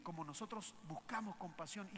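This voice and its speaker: A man's voice: sits high, fairly quick, a bit bright, slight background noise. A man preaching a sermon as pastor, pressing his congregation with rhetorical questions. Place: church hall. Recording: reverberant church hall, faint ambience.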